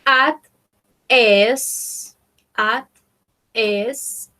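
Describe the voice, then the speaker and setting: Woman, young adult, English teacher, very slow deliberate pace, repeats words twice, mixes Spanish and English. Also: on the high side, pushed and bright. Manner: slow, repeats each word twice, checks with "¿ok?" and "¿sí?"; switches between Spanish and careful English. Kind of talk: online class, teaching English to Spanish speakers.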